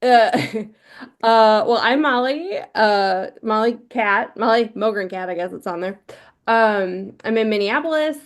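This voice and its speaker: A woman's voice: a little high, lively intonation, measured pace. Bubbly, laughing woman on a video call. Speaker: group member. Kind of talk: casual video call chat.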